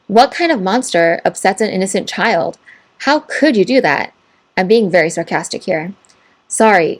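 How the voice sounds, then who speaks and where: A woman narrating, reading online posts and their comments aloud in an even, measured way. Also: medium pitch. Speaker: story narrator.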